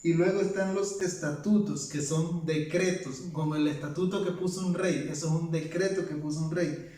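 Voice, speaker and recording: A man with a fairly high voice gives a casual Bible teaching for his vlog. He reads verses aloud one after another and keeps asking himself rhetorical questions. He sits back from the mic in a very echoey room. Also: steady tone, normal speed, mellow, far from the mic.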